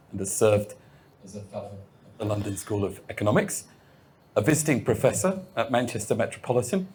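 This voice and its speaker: A man's voice: on the low side, a little mellow. A man hosting a live on-stage interview before an audience. He gives formal, welcoming introductions and puts questions to his guest. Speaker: host.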